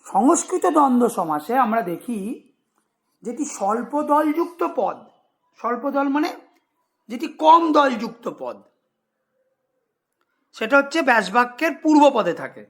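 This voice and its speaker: A man's voice: extremely high pitch, sing-song, measured pace, pauses often, fairly bright tone. A man teaching a grammar lesson to school students, explaining patiently, repeating examples and checking if they follow.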